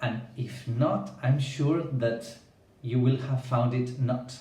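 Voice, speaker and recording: Guy in his 30s teaching at a whiteboard, slow and patient, echoey room, mic a bit far off. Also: medium pitch, dark tone. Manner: explains slowly with frequent "yeah?" checks; points at a whiteboard while explaining. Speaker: language teacher. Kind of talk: whiteboard language lesson. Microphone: camera a few feet away. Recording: roomy echo, voice a little off-mic.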